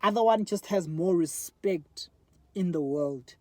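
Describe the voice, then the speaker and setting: Here a young South African man in his twenties rambles openly to his phone's front camera, a vlogger's laid-back, reflective monologue packed with fillers. He speaks unhurriedly in a high-sitting voice, and there's no echo.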